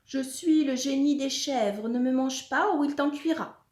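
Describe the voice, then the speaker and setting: A woman's voice: high-pitched, fairly even intonation, normal speed, fairly bright tone, reverberant, pitched above the performer's own voice. A woman voicing a cheeky, clever young boy who teases and mocks. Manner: mocking, teasing.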